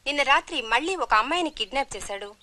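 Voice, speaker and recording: An actress playing a television news reader with a formal reading style. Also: female voice, high voice, expressive, rapid-fire, loud music behind the voice.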